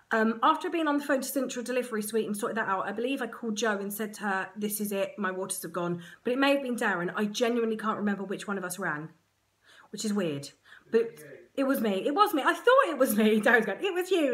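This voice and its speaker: An Englishwoman telling a personal story to camera in a chatty, frank, self-mocking way, full of quick asides. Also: fairly high pitch, a bit bright. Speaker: surrogate mother vlogger.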